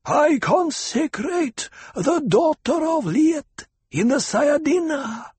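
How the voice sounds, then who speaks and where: Man voicing an old priestess, harsh penetrating whisper, high-pitched, slow solemn intoning, frail but commanding, audiobook. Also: lively intonation, darkish tone, no room sound, exaggerated voice. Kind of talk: audiobook character voice.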